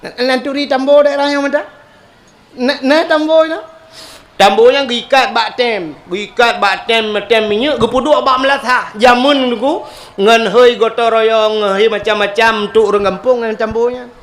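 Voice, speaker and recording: A man with an Acehnese accent preaching a sermon, stressing key words with upward leaps and letting phrase ends fall low. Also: steady tone, normal speed, fairly bright tone. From Aceh, Indonesia.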